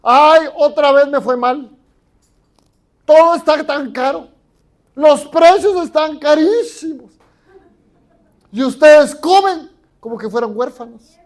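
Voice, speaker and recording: A man's voice: very high voice, slow pace, pauses often, pitched above the performer's own voice. A Mexican man voicing a grumbling father who complains about money at home. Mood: complaining. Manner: whiny, complaining.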